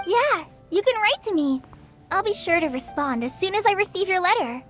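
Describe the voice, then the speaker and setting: A woman with a very high, expressive, fairly bright voice speaks at a moderate pace over faint background music. She performs scripted video game dialogue as a shy, grateful young girl apprentice, sounding sweet, warm and sincere.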